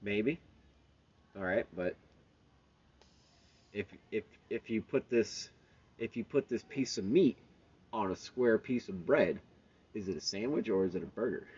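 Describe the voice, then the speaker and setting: A man's voice: on the low side, a little slow, long pauses, a little mellow, slightly rough. A man rambling through a casual story, swearing and asking "right?" every few words. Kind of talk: casual banter. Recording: dull lo-fi sound.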